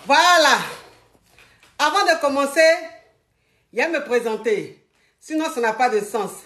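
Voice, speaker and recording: A woman with a slightly high voice chats casually on a live stream, calling her viewers family. She sounds out of breath and hot from exertion. Her voice rings around an echoey room. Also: animated, normal speed, fairly bright tone. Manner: chatty, scattered, talks to viewers as family. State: out of breath, sweating.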